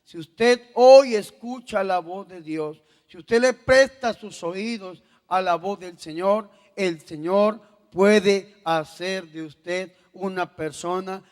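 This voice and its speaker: Male priest, high voice, slow unhurried preaching, call-and-response with the faithful, long church reverb. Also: clear, resonant tone. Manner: swings from soft to loud exhortation, tells jokes. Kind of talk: sermon.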